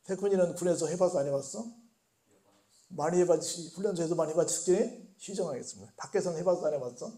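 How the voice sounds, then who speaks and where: A male pastor preaching a sermon at a midweek prayer meeting. He talks to the congregation in a conversational way, asking questions and answering them himself, and moves between loud emphatic bursts and quiet asides. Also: a little high, fast.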